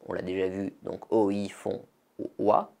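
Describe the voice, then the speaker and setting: Man, from France, French teacher, beginner lesson, unhurried delivery, careful repeated examples. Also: deep voice, little pitch movement, dark tone. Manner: slow, careful, repeats model phrases clearly for learners.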